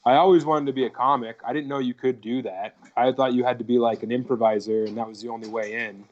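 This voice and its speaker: A medium-pitched man with fairly even intonation talks fast, the audio's highs cut off. He's a comedian in his thirties from Colorado, guesting on a podcast via video call, chatting casually in a rambling, profane way full of "like" and "dude."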